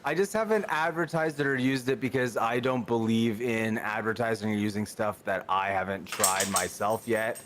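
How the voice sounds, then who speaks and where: A man's voice: on the low side, steady tone, normal speed, few pauses, noisy background. A man, chatting as a podcast guest in an outgoing, rambling way. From Canada. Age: 30s. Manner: outgoing, rambling, lots of fillers. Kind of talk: casual chat.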